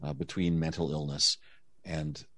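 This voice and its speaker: A man giving measured, explanatory answers as an interview guest, heard through low-quality video call audio. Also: level tone, a bit bright, no room sound. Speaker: interview guest, nonprofit director.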